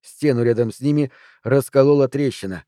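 A man narrating an audiobook in a steady, measured reading. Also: medium pitch, no echo, clean studio sound. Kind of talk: scripted narration.

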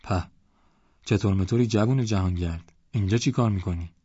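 A man voicing a loud, boastful village man who mocks and rants. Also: lowish voice, slightly rough, no echo. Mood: mocking. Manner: mocking, blustering, rambling complaints. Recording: dull lo-fi audiobook recording.

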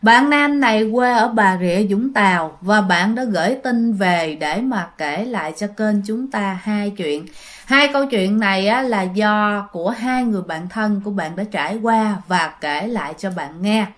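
A woman's voice: mid-range voice, normal speed. A woman hosting a channel and telling a ghost story in a chatty way, often speaking straight to her listeners. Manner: chatty, addresses listeners directly. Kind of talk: spoken ghost story narration.

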